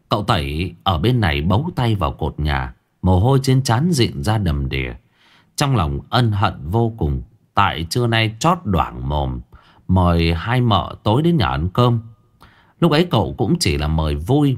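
A man narrating a ghost story expressively. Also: sits low. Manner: expressive, animated.

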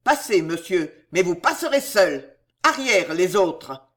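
An audiobook reader voicing a stern male officer who shouts orders at the city gate. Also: mid-range voice, sing-song, slow pace. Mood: commanding.

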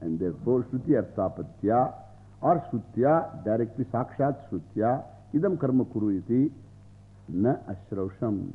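A man's voice: medium pitch, lively intonation, normal speed. South indian guy, swami giving a scripture lecture, repeats phrases a lot, sounds like its over a phone line. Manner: repeats phrases, explains word by word, argues with rhetorical questions. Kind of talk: scriptural lecture with Sanskrit quotations explained in English.

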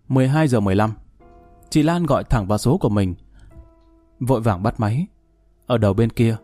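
A man narrates a ghost story in a steady, measured reading. His voice is mellow and dark. The recording is dry and close, with faint music underneath. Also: mid-range voice, no room sound.

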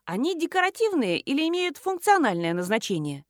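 A woman's voice: high-pitched, sing-song, fairly quick, no room sound, clean studio sound, voice pushed up. A woman reading the lines of a courteous, pedantic male professor who speaks delicately and in a bookish way. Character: polite pedantic male professor, the narrator's husband.

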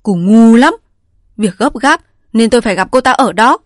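A woman reader voicing a cornered village husband who hisses low, clipped threats at his wife. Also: expressive, normal speed, no echo, clean studio sound, lightly acted. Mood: hissing threat.

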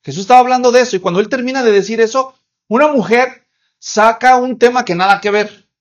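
High-voiced man preaching an expository sermon. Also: a little fast. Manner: asks the congregation questions and answers them; acts out quoted voices in small scenes. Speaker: pastor.

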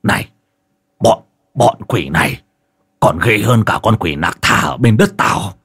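A man voicing a foreign exorcist master who makes low, grumbling remarks. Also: expressive, unhurried, a bit bright, breathy edge, exaggerated voice.

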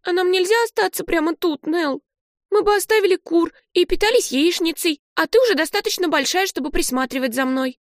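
A woman voicing an excitable, lively little girl who talks in an eager, high, bright way. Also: brisk, no room sound, studio quality. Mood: pleading.

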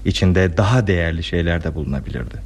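An actor playing a polite, reserved, honest stranger in a classic radio play. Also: male voice, deep voice, quick pace, husky. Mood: modest, polite. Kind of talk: 1960s Turkish radio theatre acting.

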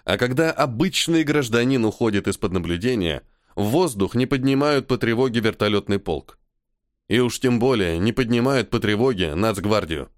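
A man's voice: lowish voice, expressive, moderate pace, no echo, studio quality, natural voice. A man reading an audiobook and voicing a gloomy, stubborn army major who answers his superior with barbed sarcasm. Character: stubborn, caustic male army major, subordinate officer. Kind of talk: audiobook character voice.

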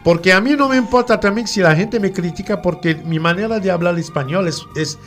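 A man whose first language is French, teaching French pronunciation in a slow, repetitive drill style, over faint music. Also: sits high, fairly bright tone. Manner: slow, repeats letters and words for pronunciation drills. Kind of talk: radio French lesson.

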